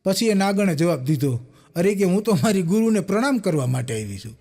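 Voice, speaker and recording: Brief: young man, high bright voice, stage comic doing characters in his jokes. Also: brisk. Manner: animated storyteller acting out quoted characters. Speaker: stand-up comedian telling jokes. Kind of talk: Gujarati folk stage joke-telling. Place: live stage show with audience.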